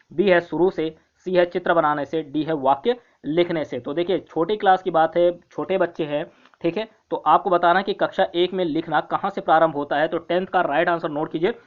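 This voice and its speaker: An online exam-prep teacher reads each quiz question and its options aloud, then repeats them before giving the answer. The voice sits at a middling pitch and keeps checking in with the viewers. The recording sounds dull and lo-fi.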